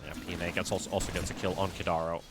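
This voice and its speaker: A man's voice: deep voice, little pitch movement, very fast. A man who is under the weather, giving live play-by-play commentary on a video game match. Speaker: esports commentator. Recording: noisy, game battle sounds behind.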